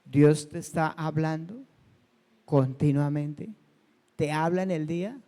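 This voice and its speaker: A man with a high voice preaches in a church hall, the sound trailing off in a long reverb. He talks to his congregation like a conversation, asking them questions as he goes. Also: slow, warm tone. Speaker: pastor. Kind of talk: sermon.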